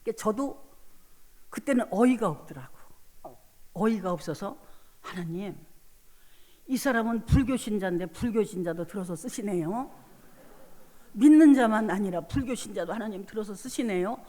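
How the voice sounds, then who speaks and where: A middle-aged woman preacher giving a revival sermon testimony, quietly retelling conversations and rising into fervent prayer. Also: mid-range voice, expressive, normal speed, pauses often. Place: church sanctuary. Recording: long hall reverb.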